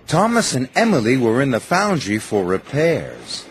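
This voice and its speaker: A man narrating a children's cartoon in a slow, expressive storytelling way. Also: mid-range voice, faint music behind.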